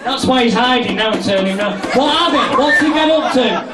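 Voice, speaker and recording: A man's voice: extremely high pitch, lively intonation, a little fast, a loud crowd. A British man hosting a bawdy comedy hypnosis show, brash, sweary and commanding in his stage patter. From Britain. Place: live show in a large indoor venue. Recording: echoey crowded room, distant mic, noisy audience.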